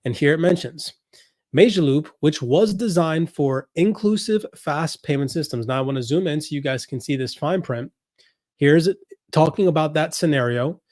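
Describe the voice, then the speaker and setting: Host, man, slightly higher voice, dry close mic, screen-share explainer who reads and repeats points. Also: lively intonation, moderate pace, darkish tone, no echo. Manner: explains while scrolling, reads passages aloud, repeats points. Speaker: crypto commentary host. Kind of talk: screen-share document walkthrough.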